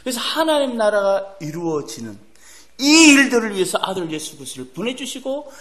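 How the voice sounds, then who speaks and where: A man's voice: high-pitched, fairly quick. A middle-aged man, a missionary, preaching a sermon in a church, talking in a folksy, storytelling way. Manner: animated, folksy storytelling with acted prayers and laughs. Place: church sanctuary.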